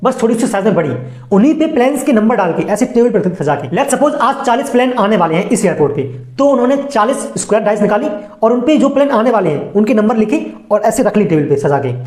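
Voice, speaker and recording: Very animated and quick, this fairly high-pitched, slightly mellow woman narrates an informal explainer video with an Indian accent. She chats colloquially, talks directly to viewers, and slips in playful asides. The voice-over has a roomy echo.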